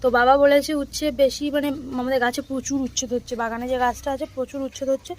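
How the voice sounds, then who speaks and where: A woman's voice: high voice, flat delivery, fast talker, a little hiss or hum. A young woman chatting to viewers as she films her home and rooftop on a phone, out of breath from the heat. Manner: chatty, addresses viewers directly. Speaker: family vlogger. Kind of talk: casual home vlog narration. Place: house and sunny rooftop, indoors and out.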